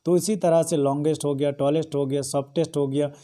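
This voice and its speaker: A man's voice: on the high side, steady tone, fast, warm tone. A young man teaching a grammar lesson, explaining in Hindi and often asking the class rhetorical questions.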